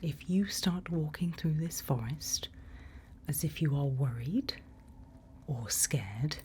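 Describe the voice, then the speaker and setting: An ASMR roleplay performer whispers softly and breathily in a low, dark, mellow voice, playing a calm forest night-watch leader. She guides the listener slowly, in an unhurried, instructive and reassuring way. Her voice is close-miked, with faint ambient noise in the background.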